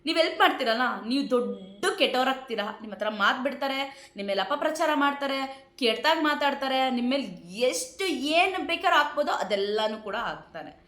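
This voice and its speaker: A woman's voice: fairly high pitch, a bit bright. A woman in her thirties with a Kannada accent, talking to camera and indignantly answering her critics with repeated rhetorical questions. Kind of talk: emotional direct-to-camera talk. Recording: echoey room.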